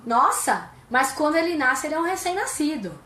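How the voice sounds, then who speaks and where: A woman's voice: high-pitched, expressive, a little fast, pushed and bright, roomy sound, a little hiss or hum. A Brazilian woman psychologist explaining things in a live-stream chat, asking rhetorical questions as she goes. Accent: Brazilian Portuguese.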